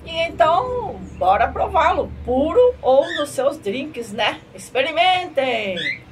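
A middle-aged woman with a fairly high voice hosts a drink-tasting vlog like a cute anime streamer. She speaks somewhat slowly, with cutesy Japanese catchphrases. The recording is made at a home table with clear ambient noise behind her. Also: big pitch swings. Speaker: vlogger reviewing drinks. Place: tiled home room at a table. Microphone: camera a short distance away.

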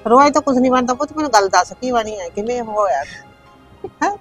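An actress playing an older village aunt who questions and consoles the family. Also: female voice, a little high, expressive, fairly quick, husky, soft background music, poor audio. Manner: sympathetic, asks questions, calls others son.

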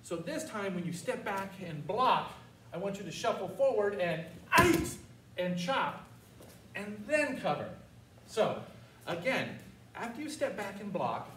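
Older male martial arts instructor, high-pitched for a man, commanding drill calls, recorded across an echoey studio. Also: very animated, unhurried. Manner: commanding, instructional, calling out short counted cues. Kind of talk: karate lesson with call-and-response drills. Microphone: far camera. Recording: roomy, distant mic with faint noise.

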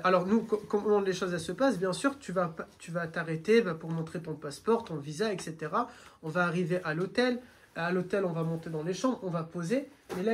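A man guiding a group on a train, explaining in a lively, teacherly way and asking them questions. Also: high-pitched. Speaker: religious guide. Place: train carriage.

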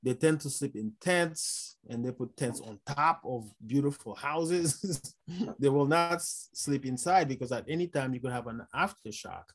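Speaking over a video call with a Haitian accent, a man with a mid-range voice serves as a conference panelist and chief medical officer. He is warm and chuckles often, taking his time and using plenty of fillers, recorded on a webcam in an office with blinds and a display of glasses.

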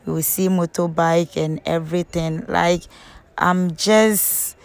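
A woman's voice: lowish voice, fairly even intonation, takes it slowly. A young woman, chatting to her viewers as a travel vlogger, recorded on a phone held at arm's length. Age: young adult. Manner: chatty, addresses viewers directly. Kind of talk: casual travel vlog. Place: outdoors on roads and in vehicles. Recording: loud road and vehicle noise. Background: traffic and engine noise.

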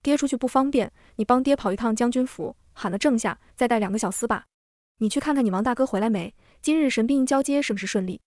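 A woman voicing a steady, cautious middle-aged nobleman giving calm instructions in an audio comic. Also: on the high side, fast talker, no echo, clean studio sound, close to an everyday voice. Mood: instructing.

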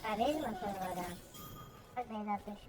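A gamer with a pitched-up helium voice effect, giving casual, cocky, crude gameplay commentary with slang and swearing. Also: brisk, loud music behind the voice. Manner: cocky, crude, mock-tutorial. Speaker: gaming video creator commentating own gameplay.

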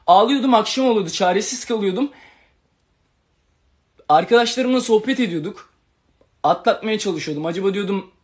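A young man talking on a livestream, telling a long personal story in an agitated, rambling way and acting out the quarrels he recounts. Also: high voice. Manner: agitated, rambling, retells quarrels with quoted lines. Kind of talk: emotional livestream monologue.

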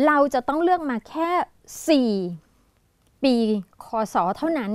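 A woman's voice: high-pitched, lively intonation, a little slow, a little mellow, no echo. A woman with a Thai accent, teaching an English exam-prep lesson and thinking aloud as she mixes Thai with English words.

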